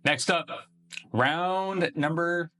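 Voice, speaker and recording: A man's voice: on the high side, drawn-out words, sharp tone. Laid-back, swearing man tasting beer. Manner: laid-back, profane, slangy. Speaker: beer reviewer vlogger. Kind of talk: casual tasting review.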